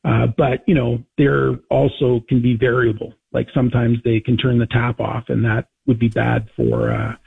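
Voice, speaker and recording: A man speaking off the cuff as a market analyst, explaining in a halting, careful way. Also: mid-range voice, lively intonation, gravelly, slightly rough, dry recording. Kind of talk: off-the-cuff interview commentary. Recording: dull band-limited interview clip.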